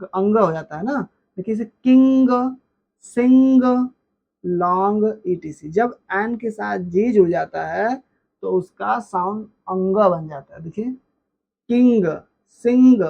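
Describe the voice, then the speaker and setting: A woman teaching a phonics lesson, repeating example words slowly with stretched emphasis. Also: medium pitch.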